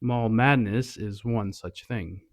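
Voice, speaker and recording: A man's voice: lowish voice, slow, slight background noise. A man hosting a retro media review, narrating casually with wry, sarcastic asides. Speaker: host.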